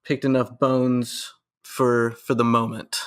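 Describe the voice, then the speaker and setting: A young man with a mid-range voice talks on a casual podcast. He sounds easygoing and earnest, often repeating his words as he goes. The tone is relaxed chat among friends. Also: medium pitch, slow, smooth. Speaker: podcast co-host.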